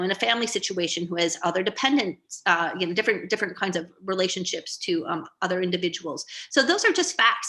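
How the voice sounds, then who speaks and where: Middle-aged woman, bright voice, rambling, lots of ums, video call. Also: on the low side. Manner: rambling, hesitant, many fillers. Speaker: guest artist. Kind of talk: online artist talk Q&A.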